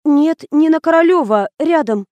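A woman's voice: high-pitched, animated, normal speed, dark tone, no room sound, dull audio, voice pushed up. A woman voicing a nervous young makeup artist who speaks in a trembling, hesitant voice. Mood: nervous, frightened.

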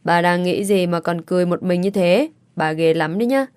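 A woman's voice: lowish voice, brisk, a little mellow, clean tone, no echo, close to an everyday voice. A woman voicing a playful, teasing young daughter in a storybook reading, speaking in a cheeky, coaxing way. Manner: cheeky, pleading, sulky.

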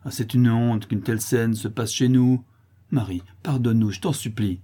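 A man reading the part of a gentle young girl, tender and pleading. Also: medium pitch, moderate pace, breathy edge, lightly acted.

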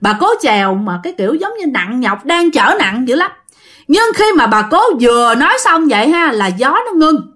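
A woman tells a ghost story in a casual, chatty way, turning often to address her listeners directly. Her voice sits high and moves through a very lively range of pitch. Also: normal speed.

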